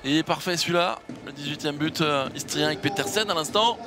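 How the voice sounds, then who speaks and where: A man's voice: fairly high pitch, brisk, noisy background. A man delivering live commentary on a handball match. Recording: music bed under broadcast commentary.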